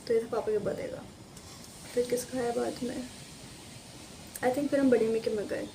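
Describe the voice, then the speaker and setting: A woman's voice: fairly high pitch, steady tone, moderate pace, vocal fry, warm tone, a little hiss or hum. A woman chatting casually to her viewers in an unboxing vlog, rambling and speaking to them directly from a room at home. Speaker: vlogger.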